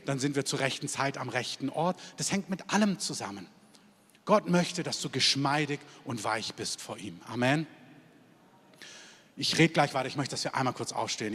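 A man preaching a sermon, moving between loud emphatic lists and soft, quiet prayer. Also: medium pitch, husky. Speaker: pastor. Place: church hall before a congregation. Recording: long hall reverb.

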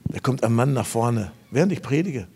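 A man preaching a revival sermon to a congregation, telling stories emphatically and breaking into loud bursts. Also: medium pitch, animated, moderate pace, breathy edge. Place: church service before a congregation.

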